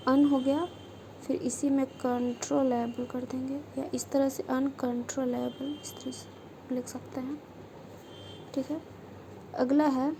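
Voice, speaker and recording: High-voiced woman teaching shorthand real slow, says each word twice or thrice. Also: mellow, slight background noise, low-quality recording. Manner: slow, repeats each word while demonstrating. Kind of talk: instructional lesson.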